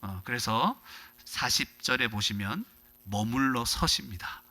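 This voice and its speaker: A man preaching a sermon as pastor, lively and dramatic, acting out the people in his story and swinging between loud outbursts and hushed lines. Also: mid-range voice, measured pace.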